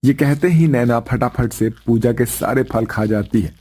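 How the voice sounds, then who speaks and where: Male narrator, mid pitch, plain and even. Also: unhurried, breathy edge. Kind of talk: scripted story narration.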